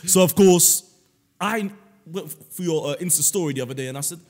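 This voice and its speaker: A man hosting a casual comedic podcast chat, teasing his guest and telling animated stories. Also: on the high side, brisk, slight background noise. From Senegal. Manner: playful, teasing, animated storytelling. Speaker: podcast host. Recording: roomy long reverb.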